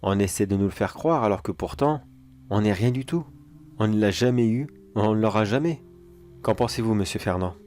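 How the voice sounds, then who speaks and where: A man's voice: lowish voice, moderate pace, a little mellow, soft background music, close to an everyday voice. A man playing a casual security major. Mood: musing. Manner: casual, musing, talks to himself. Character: weary male security major, casual and self-assured. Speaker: security agent. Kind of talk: horror audio drama.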